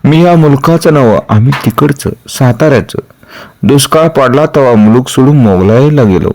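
Guy putting on a rough country blacksmith, talks higher and louder, rustic and bold. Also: normal speed, natural voice. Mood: lively. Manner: rustic village dialect, lively storytelling. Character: rugged rustic village blacksmith man, cheerful and bold.

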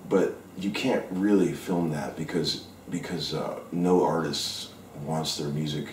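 A man with an extremely low, slightly mellow voice speaks unhurriedly as a session guitarist guest in a casual interview. Sitting in a home kitchen, he talks frankly, rambles a bit and swears now and then. A distant mic picks up roomy kitchen sound plus a little hiss or hum.

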